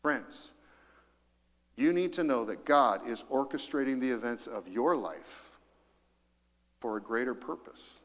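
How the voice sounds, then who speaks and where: A man's voice: mid-range voice, expressive, a little slow, pauses often, a bit bright. Emphatic preaching man in a reverberant hall. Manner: emphatic preaching with repetition, asks the congregation to read along. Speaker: pastor. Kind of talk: sermon. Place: church sanctuary.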